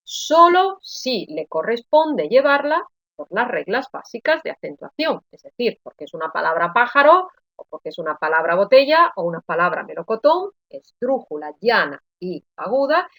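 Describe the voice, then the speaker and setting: A woman giving an online grammar lesson, sounding out words slowly and explaining with frequent checks like "¿eh?". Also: mid-range voice, big pitch swings, fairly bright tone, no echo. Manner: slow, careful word-by-word pronunciation drills; explanatory, addresses students with frequent "¿eh?". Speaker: Spanish teacher.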